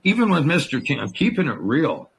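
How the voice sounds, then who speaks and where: A man's voice: on the high side, wildly swooping pitch, fairly quick, breathy edge, poor audio. A man talking casually and bluntly, swearing freely and firing off rhetorical questions. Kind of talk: casual conversation.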